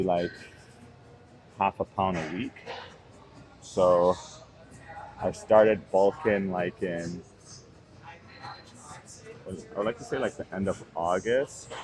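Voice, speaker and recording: This is a rough recording of a low-voiced fitness vlogger in his 30s making relaxed, rambling vlog conversation indoors at the gym, leaning heavily on filler words.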